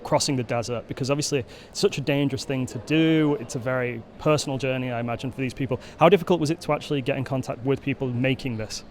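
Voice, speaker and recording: A man interviewing a filmmaker at a festival, asking quick, chatty questions and adding short "yeah"s while the other man talks. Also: mid-range voice, slight background noise.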